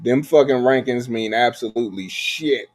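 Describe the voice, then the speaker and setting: A man's voice: mid-range voice, normal speed. A man in a casual sports chat, blunt and dismissive, who swears freely.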